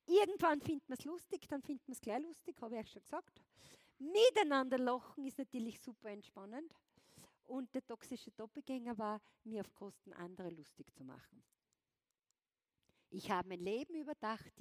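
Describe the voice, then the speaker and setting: A woman giving a lively motivational talk on stage, often checking in with her audience. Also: fairly high pitch, normal speed, no echo. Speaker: motivational speaker. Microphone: wireless clip-on transmitter.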